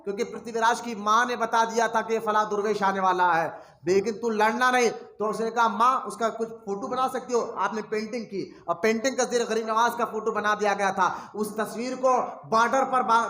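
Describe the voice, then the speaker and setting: Man preaching with fire, voice way up high, echoey hall sound. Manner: impassioned, rising to shouted emphasis, calls for responses. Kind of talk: sermon storytelling. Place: religious gathering hall.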